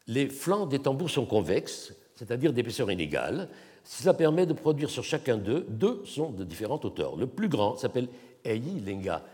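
Lively-voiced male lecturer in a reverberant hall. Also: medium pitch. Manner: measured, explanatory, demonstrates tones by voice. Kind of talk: academic lecture at a symposium.

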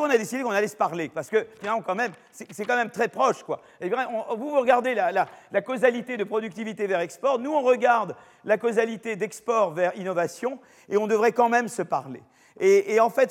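An older French-accented man teaches a university class, with a fairly high voice for a man. He talks in a loose, chatty way and often restarts his sentences with fillers. A long hall reverb trails after his voice. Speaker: professor lecturing. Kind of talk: university lecture. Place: lecture hall.

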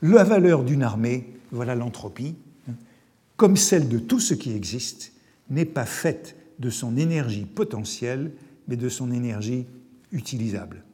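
A man's voice: mid-range voice, lively intonation, dark tone. Man lecturing in a reverberant hall. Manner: measured, reflective, with hesitations and asides. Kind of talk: academic lecture reading from wartime texts.

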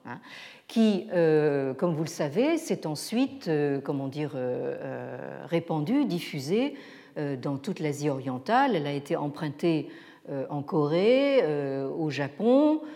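Halting woman lecturing in a reverberant hall. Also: deep voice, animated, dark tone. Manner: halting, many fillers and restarts. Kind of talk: academic lecture.

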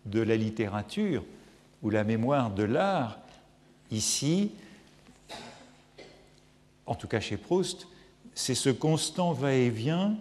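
A middle-aged man lectures on literature at a very slow, measured pace, pausing often between phrases. His voice sits at an ordinary male pitch. The sound carries the long reverb of a large lecture hall. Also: darkish tone. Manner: slow, hesitant, many fillers, lifts voice for quotations. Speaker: literature professor. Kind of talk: public lecture.

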